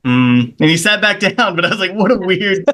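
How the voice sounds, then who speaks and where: Chatty and brisk, this guest comedian from Charleston, South Carolina has a slightly high voice that's expressive, pushed, and bright. On a casual podcast, he wanders through anecdotes while impersonating the people in them.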